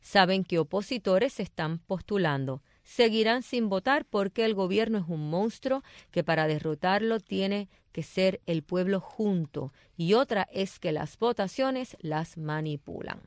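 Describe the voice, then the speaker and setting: A woman's voice: medium pitch, expressive, measured pace, few pauses, no echo. Woman co-host, dry close voice. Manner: attentive, frequent agreeing murmurs. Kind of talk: casual radio chat.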